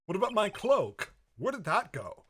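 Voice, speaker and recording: Man playing a flamboyant, vain magician, lively and high-ish. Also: normal speed, slight background noise, exaggerated voice. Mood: puzzled, showy. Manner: theatrical, showy. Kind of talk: video game voice-over read aloud.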